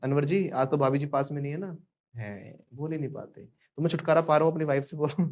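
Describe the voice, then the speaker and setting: A man runs an online spoken-English class with a joking, playful manner. He keeps asking the class to repeat set phrases after him. His voice sits a little high for a man. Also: a little fast, darkish tone.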